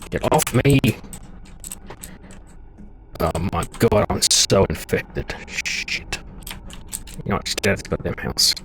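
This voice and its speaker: A man's voice: fairly low pitch, expressive, normal speed, pauses often, fairly bright tone, slight background noise. A man streaming a game live, talking to himself in jumpy, panicky exclamations with plenty of swearing. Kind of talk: live gameplay commentary.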